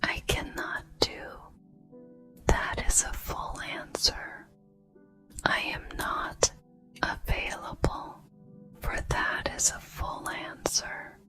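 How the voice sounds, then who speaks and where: A woman delivers a whispered pep talk in slow, reassuring affirmations. Her unvoiced whisper is soft and breathy with a crisp, bright edge, and music plays behind it. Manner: slow, deliberate, reassuring phrasing with pauses. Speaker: ASMR affirmation speaker.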